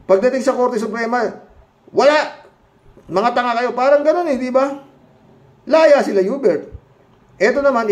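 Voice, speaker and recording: A middle-aged man giving casual spoken commentary to viewers, emphatic and heated, firing rhetorical questions with frequent interjections. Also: sits high. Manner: quieter and more subdued when reading comments and signing off.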